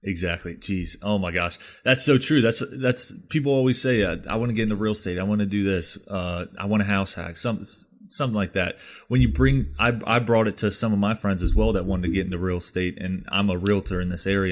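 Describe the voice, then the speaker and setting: A man's voice: sits low, steady tone, a little fast. A man hosting a podcast, enthusiastic and chatty, who repeats himself and uses fillers. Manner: enthusiastic, repetitive, with many fillers. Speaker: podcast host, realtor. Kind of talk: casual interview chat.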